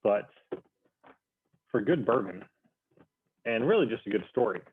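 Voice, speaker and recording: A man telling a casual, self-deprecating story among friends in a halting, wry manner. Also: lowish voice, expressive, slight background noise. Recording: thin phone-like call, muffled.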